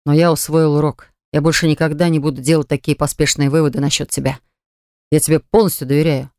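A man's voice: fairly high pitch, little pitch movement, quick pace, darkish tone, no room sound, clean studio sound, close to an everyday voice. A man voicing a jealous young ex-fiancé who pleads earnestly to win her back, in an audiobook. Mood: insistent. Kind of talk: audiobook dialogue reading.

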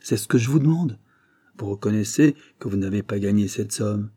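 A man with a husky voice voicing a severe examining magistrate questioning a suspect in an audiobook. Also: on the low side, moderate pace, mellow. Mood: stern. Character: stern cold male examining magistrate.

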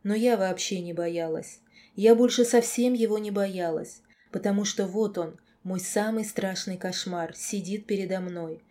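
A woman reading a first-person novel aloud as audiobook narrator, in an expressive, emotional way. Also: medium pitch, unhurried.

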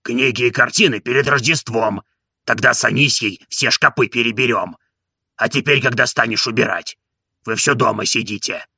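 An old manservant grumbles low and slow, his gravelly, husky voice sour with grievance, as a male reader puts him on. He sounds sulky and put-upon, dragging each complaint out. His tone stays bright and edgy despite the rasp. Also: dry recording, clean studio sound, full character voice. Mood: aggrieved.

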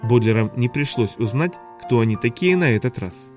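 Man, audiobook narrator, expressive storytelling, average pitch. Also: normal speed, faint music behind. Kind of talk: scripted narration.

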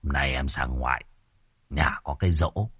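A man puts on a gruff older villager, dropping his voice low and quiet as he explains himself respectfully to an elder. The tone stays hushed and humble throughout the ghost story. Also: normal speed, no room sound, clean studio sound, full character voice.

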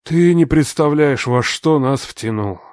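A man's voice: mid-range voice, moderate pace, darkish tone, dry recording, clean studio sound, voice pushed up, lightly acted. A man voicing a stern, furious older father who runs a company, barking commands in an audiobook reading. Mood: cold, threatening. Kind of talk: audiobook narration.

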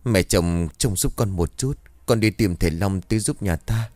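A man's voice: normal speed, a little mellow, dry recording, faint music behind, close to an everyday voice. A man voicing a grieving young widow who pleads tearfully. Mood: tearful, anxious. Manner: pleading, tearful, high-pitched when wailing. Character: grieving young widowed woman, anxious daughter-in-law.

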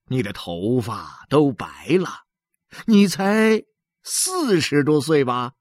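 A desperate poor man begs and stammers, close to tears, as a woman puts him on for a story reading. He speaks slowly, and his voice swings high and low. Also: huge pitch swings, darkish tone, no room sound, exaggerated voice. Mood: surprised. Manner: pleading, tearful, stammering. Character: poor, desperate working man begging for help.

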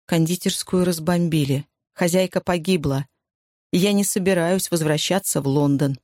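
A narrator voicing a firm young wartime wife who speaks calmly and steadily, in a dry recording. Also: medium pitch, moderate pace, no echo, lightly acted.

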